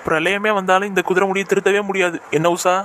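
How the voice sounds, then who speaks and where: A woman voicing a gentle young married woman in a cartoon, speaking softly and pleadingly. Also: medium pitch, little pitch movement, fast, a little hiss or hum, pitched below the performer's own voice, lightly acted.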